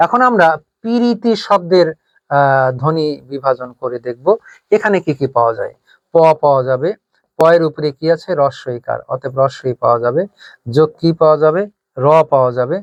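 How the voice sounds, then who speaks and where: A man's voice: fairly high pitch, animated, moderate pace, no echo. A man teaching a grammar lesson patiently, explaining step by step and asking rhetorical questions. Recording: dry, slightly dull close-mic sound.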